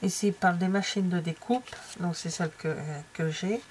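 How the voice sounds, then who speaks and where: Middle-aged French woman, lowish voice, chatty home crafter with lots of fillers, faint background hum. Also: moderate pace, a little mellow. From France. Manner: chatty and hesitant, many fillers and trailing asides, drops to near-whispers. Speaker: craft vlogger flipping through a stamping catalogue. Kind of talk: casual chat.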